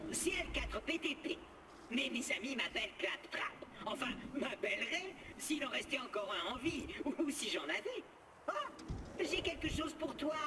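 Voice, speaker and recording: A squeaky, high-pitched robot, chattering boastfully and rambling on with wildly swinging pitch. He sounds a little distant from the mic, with steady game noise underneath. He is cheerful on the surface but gloomy inside. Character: chirpy chatty male robot sidekick, secretly gloomy.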